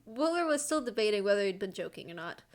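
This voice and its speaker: A woman's voice: mid-range voice, sing-song, fast. A woman streamer reading a fan story aloud and teasing friends on a voice call. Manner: playful, teasing.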